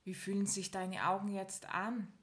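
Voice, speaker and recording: A woman leading a guided progressive muscle relaxation, giving calm step-by-step instructions and counting down slowly with long pauses. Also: medium pitch.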